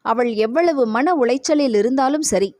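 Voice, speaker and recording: A woman narrates an audio novel in a steady, measured storytelling voice. Her voice sits fairly high for a woman and is recorded close and completely dry, with no room sound behind it. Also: no room sound.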